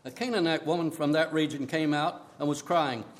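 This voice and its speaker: A man preaching a sermon, animated and acting out the characters from scripture as he goes. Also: on the high side, moderate pace. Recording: echoey room.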